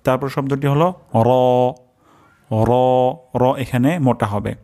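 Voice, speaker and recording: A man teaching careful recitation, breaking each word into sounds, repeating them slowly and chanting the verse in drawn-out tones. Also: medium pitch, darkish tone. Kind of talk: slow recitation lesson, word by word.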